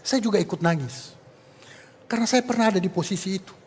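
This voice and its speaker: A man's voice: sits high, fast, slightly rough. A man preaching a sermon, animatedly telling stories and acting out conversations to the congregation. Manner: animated storytelling, acting out dialogue, addressing congregation. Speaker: evangelist preacher. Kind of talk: sermon with acted anecdotes. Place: church. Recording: echoey church hall.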